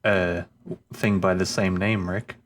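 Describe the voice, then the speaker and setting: A man's voice: sits low, flat delivery, slow pace. A man chatting casually on a game stream, hesitant and searching for words. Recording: noisy mic line.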